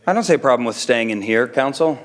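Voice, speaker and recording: A man's voice: medium pitch, lively intonation, quick pace. Man chairing a public meeting. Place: indoor council chamber, dais microphone.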